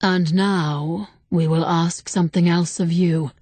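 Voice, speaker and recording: An ancient, bodiless male spirit of a temple, as a woman reader puts him on, calm and collected but heavy with regret. He speaks slowly and deliberately in a low, unhurried storybook voice, every word measured. The recording is close and dry. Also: no echo. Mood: calm regretful. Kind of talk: audiobook character voice.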